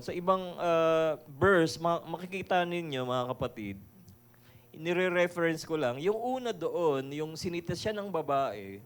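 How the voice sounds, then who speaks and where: Slow-speaking Filipino man preaching. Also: a little high. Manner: conversational preaching, mixing Tagalog and English; reads scripture verses slowly and deliberately. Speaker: pastor. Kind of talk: sermon.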